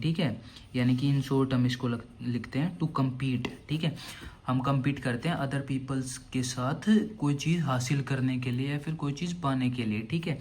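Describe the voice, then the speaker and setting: A young man with a mid-range, darkish voice teaches vocabulary for exams online. He leans on memory tricks, poses and answers his own questions, and repeats "theek hai" between points.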